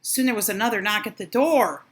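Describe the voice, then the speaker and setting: An older woman reading a children's storybook aloud with expressive, dramatic emphasis. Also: medium pitch, a little fast.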